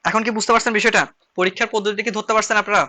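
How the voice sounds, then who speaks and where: A man with a Chittagong Bengali accent leads an online shorthand lesson in a high, fast voice. His tone is strikingly bright and sharp, and he repeats key phrases over and over as he writes them out. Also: fairly even intonation. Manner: repeats phrases while writing on slides. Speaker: shorthand teacher. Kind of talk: online class lecture.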